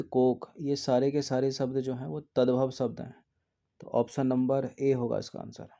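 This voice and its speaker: Man with a dark, mellow voice teaching. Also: medium pitch, creaky. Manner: explains steadily, repeats words to check them. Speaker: exam prep teacher. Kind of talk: test series answer walkthrough.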